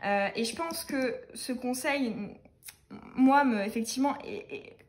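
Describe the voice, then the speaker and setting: A young woman with a high voice reads tarot cards in a loose, chatty way. She talks fast and hesitates a lot, filling the gaps with little fillers and restarting her phrases. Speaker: tarot reader. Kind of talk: casual tarot reading.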